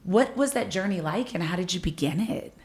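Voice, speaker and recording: A woman hosting a conversation podcast, asking questions in a measured, encouraging way. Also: lowish voice, lively intonation, a little mellow. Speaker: host. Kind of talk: casual conversation.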